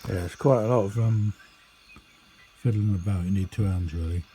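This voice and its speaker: Speaking at a normal pace with a dark, lowish voice, a British man of middle age or older gives a relaxed, unscripted hobby demo. His delivery rambles and hesitates, and the amateur home recording carries obvious noise.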